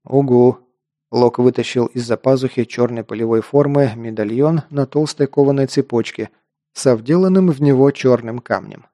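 A man narrating a first-person fantasy action audiobook, steady storytelling that lifts into louder voiced dialogue. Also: medium pitch, normal speed, no room sound.

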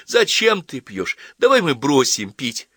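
A man reading an audiobook voices an angry, tearful teenage girl in high, shrill outbursts. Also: expressive, fairly quick, sharp tone, no echo, studio quality. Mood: upset, tearful.

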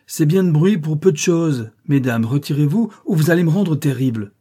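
A man reading a storybook, voicing a brusque, commanding gentleman who orders his guests about in a raised voice. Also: mid-range voice, steady tone, fairly quick, natural voice. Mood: forceful. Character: commanding gentleman master of a manor.

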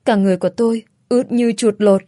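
A woman narrating an emotional first-person story in a calm, steady voice. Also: fairly high pitch, quick pace, no room sound, clean studio sound.

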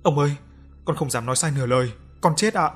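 A man's voice: a little high, expressive, fast, soft background music. A man voicing a panicked young male servant who frantically pleads with his master.

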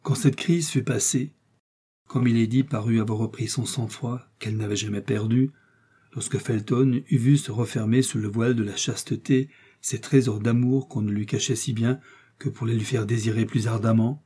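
A man narrating a classic novel in audiobook form, with measured, expressive storytelling. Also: medium pitch, husky.

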